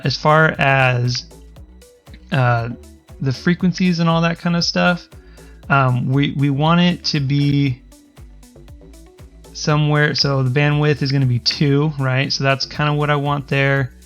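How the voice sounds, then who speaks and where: A streamer explains audio settings in a casual screen-recorded tutorial, rambling, restarting sentences and filling gaps with ums. He calls his own voice higher-pitched, though it sits in a middle range for a man, and quiet music plays faintly underneath.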